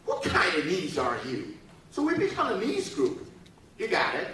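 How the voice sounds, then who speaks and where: Speaking to a young audience at a youth forum, this animated middle-aged Taiwanese man jokes and teases at a moderate pace, his pitch swinging widely as he playfully prods the crowd to answer back. His bright voice rings through a large, echoey hall, picked up from some distance over a faint hum of room noise.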